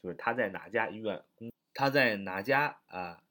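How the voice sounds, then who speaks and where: A man's voice: lowish voice, lively intonation, moderate pace, pushed and bright. A man teaching a spoken English lesson, explaining patiently, repeating phrases and using many fillers.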